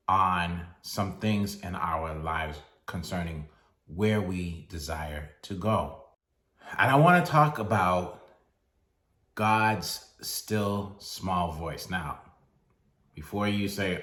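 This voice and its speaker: Slow, deliberate man preaching in a roomy space. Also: deep voice, fairly bright tone. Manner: slow, deliberate delivery with long pauses. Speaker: speaker. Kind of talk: motivational sermon. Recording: echoey room.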